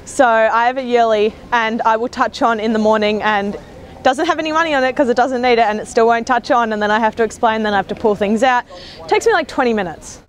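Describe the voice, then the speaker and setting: A woman's voice: fairly high pitch, fast talker. A woman complaining bluntly and casually as a member of the public in a street interview. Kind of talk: casual street vox pop.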